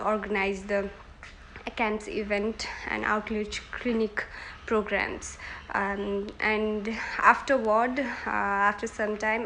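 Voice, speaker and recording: A woman's voice: mid-range voice, a bit bright, slight background noise, low-quality recording. A woman, giving earnest, hesitant answers in a mock job interview. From Nepal. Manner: earnest, hesitant, self-correcting.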